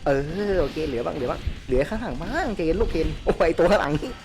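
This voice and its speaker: A man hosts his gaming channel with live commentary of his play. He is excitable and crude, yelling at the characters on screen as they fight. Faint game music plays beneath his voice. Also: fairly high pitch, racing.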